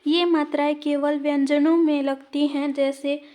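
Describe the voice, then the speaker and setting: Woman teacher, exam-prep grammar lesson; slow, deliberate, points at examples as she goes. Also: high-pitched, little pitch movement, darkish tone.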